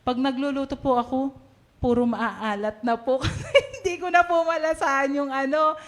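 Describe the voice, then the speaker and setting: A woman shares her testimony at a prayer meeting, her voice sitting a little high. She talks cheerfully, laughs often and acts out little quoted scenes. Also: fairly even intonation, moderate pace. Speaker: church member giving testimony.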